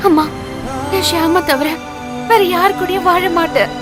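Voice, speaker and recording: A woman's voice: very high voice, unhurried, loud music behind the voice. A young woman dubbing a daughter who pleads and speaks tearfully about the man she loves. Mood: pleading. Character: young daughter pleading to marry her love. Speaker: dubbing actress. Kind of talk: dubbed film acting.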